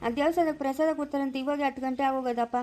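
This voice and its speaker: A woman with a Chikkaballapur Kannada accent, acting in a homemade village drama. Her voice is high and she talks fast. She scolds and dismisses the people around her. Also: steady tone, a little mellow. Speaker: actor in a village family drama.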